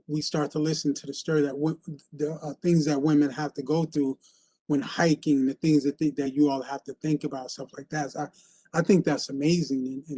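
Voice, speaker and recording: A man hosts a casual interview and chats loosely, stacking fillers and restarting his sentences as he goes. His voice sits on the higher side for a man. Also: darkish tone, slightly rough. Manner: casual and chatty, full of fillers and repeated starts. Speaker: host.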